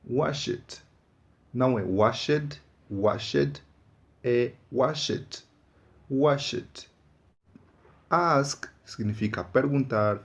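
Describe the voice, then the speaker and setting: A man teaching an online English lesson, patiently repeating each word slowly for practice. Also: mid-range voice.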